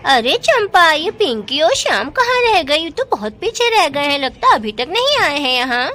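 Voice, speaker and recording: A woman voicing an excited, chatty little village girl in a doll story. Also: high voice, moderate pace, heavily acted. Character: lively little village girl, eager and bossy.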